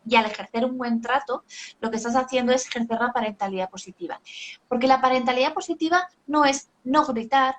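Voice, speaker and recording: A woman's voice: sits high, fairly quick. A middle-aged woman, a parenting author explaining ideas in a live video chat, with everyday examples. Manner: didactic, uses examples and acted quotes. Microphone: video call.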